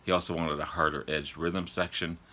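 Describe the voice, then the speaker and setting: A man with an extremely deep voice and a forceful, bright edge talks casually to his viewers as a vlog host. He has a sore throat from a cold, so his delivery is halting and throat-clearing. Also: level tone. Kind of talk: casual chat to viewers about records. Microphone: older phone.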